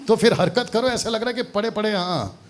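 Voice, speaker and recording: A man preaching a lively sermon at a church seminar, teasing and quizzing the crowd and mixing English words into his Hindi. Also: sits high, brisk, slight background noise. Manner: animated, teasing, asks the crowd questions.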